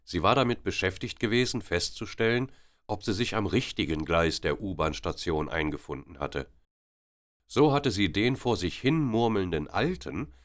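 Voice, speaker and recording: A man reading a story aloud with expressive, dramatic narration. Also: deep voice.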